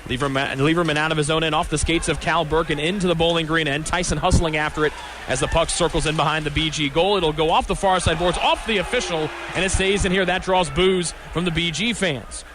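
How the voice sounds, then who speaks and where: Fairly high-pitched and brisk, this man delivers live radio hockey commentary from the arena, describing the action in short, clipped fragments. Background noise is present.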